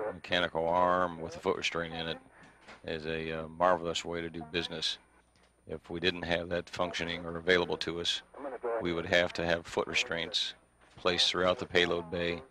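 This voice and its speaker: A man giving explanatory live commentary on a space mission, slightly halting with filled pauses. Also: low voice, pushed and bright, rough recording.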